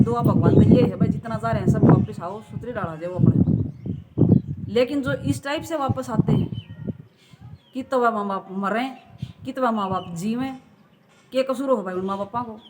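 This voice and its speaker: A woman vlogger, scolding her viewers in an impassioned rant full of rhetorical questions. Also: a little high. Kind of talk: impassioned talking-to-camera rant. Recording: loud background noise.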